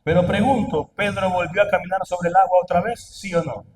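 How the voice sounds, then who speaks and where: A man preaching a sermon, asking the congregation questions and building to loud, emphatic calls. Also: high-pitched, brisk, recorded from a distance, slight background noise, poor audio. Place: church.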